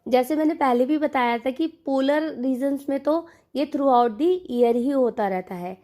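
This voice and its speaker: This online exam-prep teacher talks in a high, mellow voice at a measured pace. Blending Hindi with English, she explains the lesson and goes over important terms more than once.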